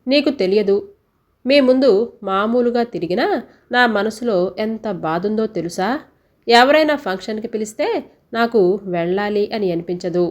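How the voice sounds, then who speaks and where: A woman's voice: mid-range voice, lightly acted. A woman voicing a grieving stern mother. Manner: sorrowful, pleading emotional speech. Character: grieving middle-aged mother, stern but tender.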